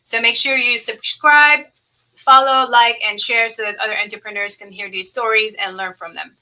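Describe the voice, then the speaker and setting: Bright-voiced woman podcast host. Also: a little high, steady tone, poor audio. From Lebanon. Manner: halting, many fillers and restarts. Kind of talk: casual interview chat.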